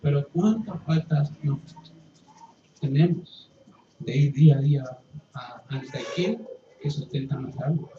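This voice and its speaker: A man preaching a sermon as pastor, impassioned, swinging from loud pleading to hushed, quiet passages. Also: on the high side, unhurried, long pauses, background noise. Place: church hall. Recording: roomy, distant, dull church recording with faint ambience.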